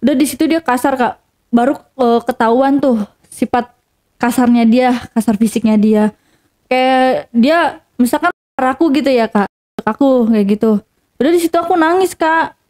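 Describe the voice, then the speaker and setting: A woman's voice: high voice, moderate pace, darkish tone. A young woman telling a personal story casually to an interviewer, rambling with many fillers and restarts.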